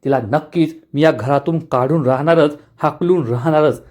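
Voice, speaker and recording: A woman's voice: low-pitched, normal speed, a little mellow. A man voicing a scheming, proud older matriarch who speaks spitefully.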